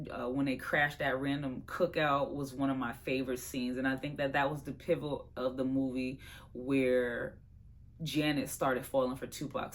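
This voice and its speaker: A woman chats through her favorite movies as a vlogger. She is animated and slangy, and she speaks right to her viewers. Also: rumbling low. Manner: animated, slangy and chatty, addresses viewers as y'all. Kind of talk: casual movie review chat.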